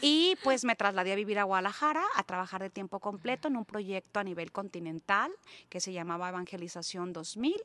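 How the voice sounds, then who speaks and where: A woman with a Mexican accent, a guest on a podcast, telling her faith testimony as an animated storyteller who repeats words for emphasis. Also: mid-range voice, fairly quick, dry recording. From Mexico (La Paz, Baja California Sur). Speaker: guest, full-time evangelist. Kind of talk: personal testimony in podcast conversation.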